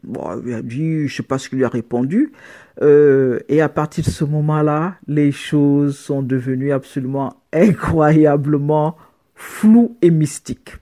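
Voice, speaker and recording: A middle-aged woman giving a casual spoken account, animated, with frequent restarts, slipping into other people's voices with sudden pitch jumps. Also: a little slow. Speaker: storyteller recounting a personal experience.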